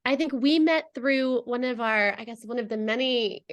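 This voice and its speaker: A woman with a fairly high voice talks as a podcast guest. She is chatty and explanatory in a casual interview style, often checking that the listener follows. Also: moderate pace. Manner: chatty, explanatory, peppers talk with "you know" and "right?". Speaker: podcast guest, language educator.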